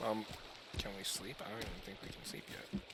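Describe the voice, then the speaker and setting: A man chatting casually while playing a co-op game, laid-back and jokey, now and then yelping loudly. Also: lowish voice, brisk, heavy background noise. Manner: laid-back, jokey, swings into loud yelps. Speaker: gamer playing co-op. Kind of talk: casual gaming chat.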